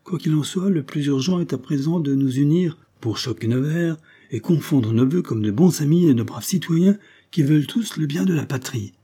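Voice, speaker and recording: A man's voice: on the high side, moderate pace, mellow, breathy edge, pitched above the performer's own voice. A man voicing a small, dapper dinner guest in an audiobook, sour-voiced and solemn. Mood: conciliatory. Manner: conciliatory, solemn.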